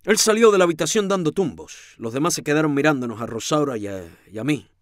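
A man giving a dramatic first-person reading of a novel, swinging from hushed tones to shouting. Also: on the high side, lively intonation, fast talker, dry recording, clean studio sound. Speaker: audiobook reader.

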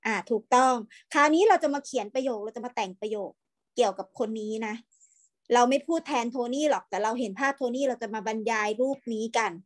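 Woman teacher, high voice, patient and coaxing with young kids on a video call, says each word slowly. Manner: patient, coaxing, repeats words slowly for pupils. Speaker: primary school English teacher. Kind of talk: online class for young children.

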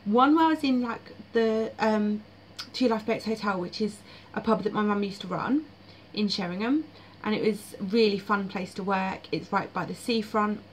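A woman's voice: mid-range voice, normal speed, hardly any pauses, low-quality recording. Frank woman with faint hiss. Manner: frank and blunt, with fillers. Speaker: dream vlogger. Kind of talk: casual spoken monologue.

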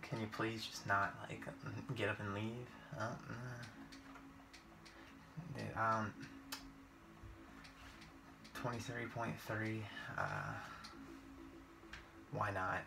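A gaming video creator offers casual, informal commentary, thinking aloud as he plays, with video game music behind him. His fairly low, gravelly voice has lively intonation and moves very slowly with long pauses, over a noisy background.

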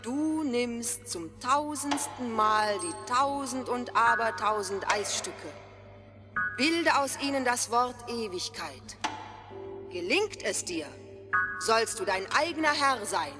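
A woman playing a cold, commanding queen of ice in a fairy-tale audio drama, measured and imperious. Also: fairly high pitch, expressive. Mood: cool, imperious. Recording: music behind the voice.

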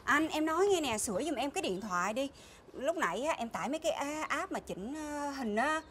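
Chatty woman, high voice. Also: lively intonation, a little fast, a bit bright, a little hiss or hum. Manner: chatty, exclamatory, keeps saying "trời ơi". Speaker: wife in a comedy sketch. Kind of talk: comedy sketch acting.

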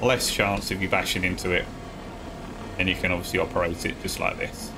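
A man talking viewers through a video game tutorial step by step, in a relaxed, casual voice-over. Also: low voice, brisk, background noise. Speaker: gaming guide creator.

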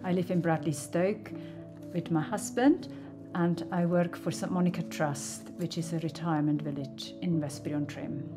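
A woman from Switzerland in her sixties telling her personal faith story in an earnest, reflective way with soft hesitations, recorded in a small living room on a stand mic. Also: on the low side, fairly even intonation, moderate pace. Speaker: church member sharing her testimony. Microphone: stand mic, camera at medium close-up. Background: soft background music.

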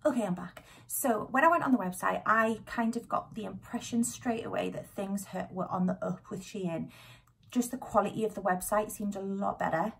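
A woman, chatting excitedly in a casual haul vlog, a little out of breath, dropping into whispered asides. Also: medium pitch, moderate pace, vocal fry, slightly rough. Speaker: YouTube vlogger. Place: home.

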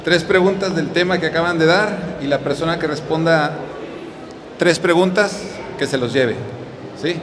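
A man's voice: fairly high pitch, moderate pace, noisy background. A man hosting a casual walkthrough vlog, chatting with fillers and restarts on a handheld mic in an indoor expo hall. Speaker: vlog host touring an electrical expo. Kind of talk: casual on-the-spot walkthrough and interviews.

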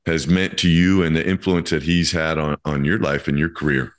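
A man's voice: very deep voice, level tone, normal speed. A man hosting a podcast interview, asking questions in an earnest, admiring way. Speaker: podcast host.

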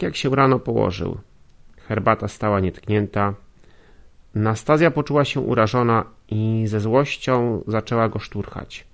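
Male audiobook narrator, lowish voice, steady read with small self-corrections. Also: creaky. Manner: steady reading with occasional slips and self-corrections. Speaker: audiobook reader.

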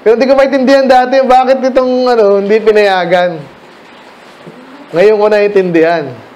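A middle-aged Filipino pastor giving a casual Bible study talk to children, questioning listeners by name. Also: male voice, high voice, steady tone, moderate pace, a little mellow, slight background noise.

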